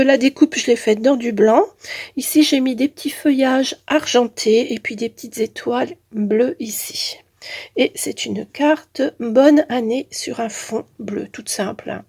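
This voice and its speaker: Female craft vlogger, higher-pitched, slightly husky, stuffed-up nasal voice from a head cold, casual showcase narration. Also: unhurried, darkish tone. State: has a head cold with blocked nose. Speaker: craft channel host.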